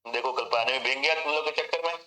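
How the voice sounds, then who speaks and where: A man teaching an online memory class, animated and talking straight to students by name while mixing English phrases into his Hindi. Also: mid-range voice, quick pace, echoey room, low-quality recording.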